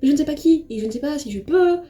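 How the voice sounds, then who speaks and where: A woman's voice: sits high, animated, rapid-fire. A young woman from France chatting casually while doing her makeup, rambling and self-deprecating, with lots of fillers and restarts. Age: young adult. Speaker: vlogger. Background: soft background music.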